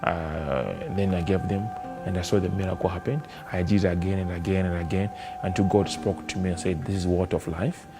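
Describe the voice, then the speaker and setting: A preacher recounting his own experience in a slow, measured way with some hesitations. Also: low-pitched, fairly even intonation. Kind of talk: slow personal testimony. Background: music.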